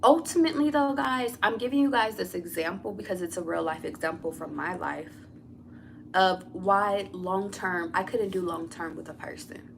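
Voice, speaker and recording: A woman who reads tarot tells her viewers a personal story, speaking bluntly and candidly, cursing freely and addressing the audience directly. Her voice is gravelly and on the low side, at a moderate pace, with a little hiss or hum in the audio.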